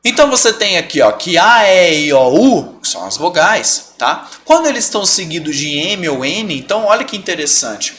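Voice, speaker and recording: A man's voice: high-pitched, very animated, normal speed, hardly any pauses, fairly bright tone, slight background noise. A man teaching a live online lesson, patiently stretching out example sounds and often checking that students follow.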